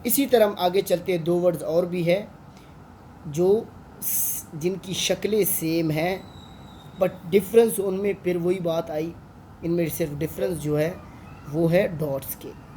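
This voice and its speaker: A man's voice: sits high, steady tone, measured pace, warm tone, slight background noise. A man with a Pakistani Urdu accent, an online Quran tutor patiently teaching Arabic letters and drawing out each sound.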